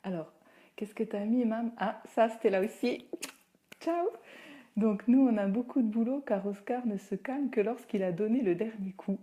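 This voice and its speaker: Woman, parenting coach, mellow tone, chatty live Q&A, talks with lots of "euh". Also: a little high, moderate pace. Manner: chatty, answers viewers' comments, many fillers; acts out what she tells children. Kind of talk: Facebook live Q&A, casual advice. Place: at home.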